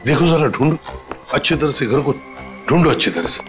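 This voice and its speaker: An actor playing a senior police officer who gives orders in a TV crime drama. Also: male voice, fairly high pitch, lively intonation, brisk, over music, close to an everyday voice. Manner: commanding, giving orders.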